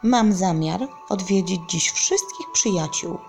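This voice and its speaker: A woman voicing a gentle, good-natured little bear in a children's story, speaking kindly and musing. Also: mid-range voice, takes it slowly, soft background music.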